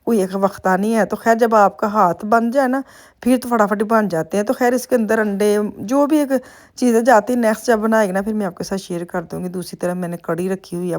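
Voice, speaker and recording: Middle-aged woman, Punjabi accent, mid-pitched voice, rambling and homely vlog narration. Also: fairly even intonation, a little fast, a little mellow. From Pakistan. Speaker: vlogger. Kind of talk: casual vlog voice-over.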